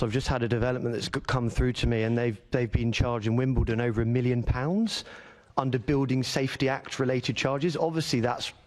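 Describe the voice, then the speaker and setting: Earnest man giving committee evidence. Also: mid-range voice. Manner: earnest, argumentative, repeats words for emphasis. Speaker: leaseholder campaigner giving evidence. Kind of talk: formal committee testimony.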